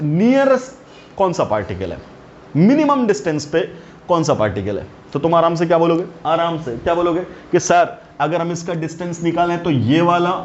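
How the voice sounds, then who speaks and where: Questioning man teaching a class. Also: fairly high pitch. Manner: keeps asking the students questions; calls students "beta". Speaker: chemistry teacher. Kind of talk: classroom lecture. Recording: dull lo-fi recording, faint hiss.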